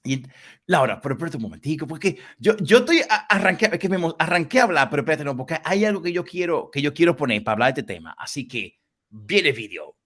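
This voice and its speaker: Animated male interview host. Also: fast. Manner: animated storyteller with lively swings in pitch. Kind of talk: livestream interview chat.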